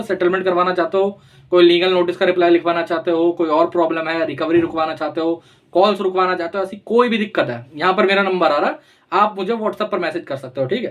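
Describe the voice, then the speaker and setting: A man's voice: sits high, muffled recording. A young man explaining loan settlements in a chatty, coaxing way, acting out phone calls as he goes. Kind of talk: casual explainer to camera.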